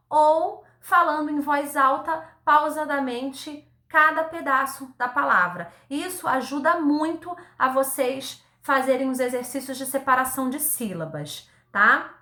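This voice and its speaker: A woman teaching young children in a recorded lesson, her voice high and bright. She talks slowly and patiently, spells words out piece by piece, and tags her sentences with a checking "tá?". The room around her is echoey. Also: animated. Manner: slow, patient, repeats words syllable by syllable; ends phrases with a checking "tá?". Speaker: primary school teacher.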